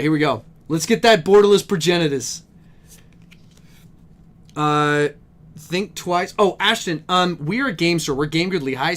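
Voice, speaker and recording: A young man at a game store reading card names aloud on a live stream and chatting with viewers, easily excited by good pulls. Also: fairly high pitch. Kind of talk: live-stream pack opening commentary. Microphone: desk microphone.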